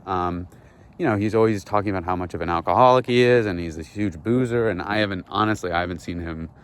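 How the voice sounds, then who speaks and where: A man vlogging outdoors while walking through a neighborhood, rambling dryly with lots of fillers in a deadpan satirical way. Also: low-pitched, fast talker, clear, resonant tone. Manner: rambling, many fillers, dry.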